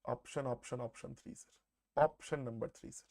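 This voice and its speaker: A man's voice: medium pitch, steady tone, a little fast, vocal fry, darkish tone. Indian-accented man teaching maths live. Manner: repeats phrases, often addresses listeners as "sir"; conversational, mixes Hindi words into English. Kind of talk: live exam-prep lesson, working through problems aloud.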